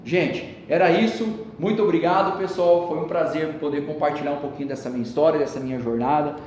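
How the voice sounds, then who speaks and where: Brief: animated male motivational speaker, somewhat high voice, heavy hall echo and faint rumble. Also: a little fast, far from the mic. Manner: animated, addresses the audience directly. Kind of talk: storytelling talk to a live audience.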